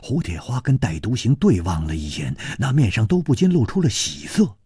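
Husky, animated male storyteller. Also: medium pitch, a little fast, no echo, clean studio sound. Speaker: narrator. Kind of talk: audiobook storytelling.

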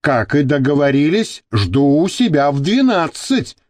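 Guy putting on a sneaky gloating party boss, slow, lifted voice, audiobook. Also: fairly high pitch, very animated, darkish tone, dry recording, studio quality. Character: scheming older male party boss, sinister.

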